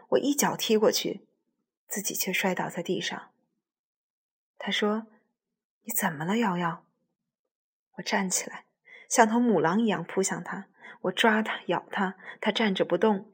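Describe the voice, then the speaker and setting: Breathy woman reading a story softly. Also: mid-range voice. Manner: soft, intimate, often dropping to a whisper. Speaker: narrator. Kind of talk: first-person literary story reading.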